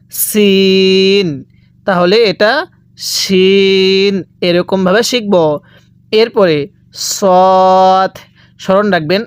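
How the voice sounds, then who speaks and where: A Quran reading teacher with a high voice gives a step-by-step recitation lesson on pronouncing Arabic letters. He patiently repeats each letter and asks the viewer to say it back, and there is no echo.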